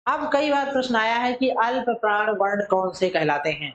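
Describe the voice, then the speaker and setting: A woman teacher giving a methodical lesson. She asks questions and answers them herself, and she draws syllables out slowly to demonstrate them. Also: on the high side, a bit bright, roomy sound, muffled recording. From India. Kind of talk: classroom-style lesson.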